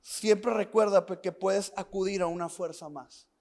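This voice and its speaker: This pastor's voice is high, steady, and a bit mellow, and he speaks a little slowly. His earnest sermon weaves personal family stories into the preaching, with repeated phrases and direct questions to the congregation.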